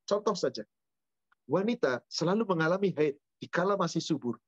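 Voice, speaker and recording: A man's voice: fairly high pitch, animated, normal speed, no echo. A man teaching at a religious study session, answering questions with rhetorical questions and spoken lists. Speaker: Islamic teacher. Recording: dull dry lo-fi sound.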